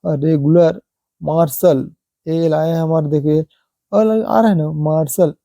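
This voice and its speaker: Slow, mellow-voiced male teacher. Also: fairly high pitch, gravelly, dry recording. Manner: repeats example words slowly, asks rhetorical questions. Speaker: English pronunciation teacher. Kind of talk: slow classroom explanation.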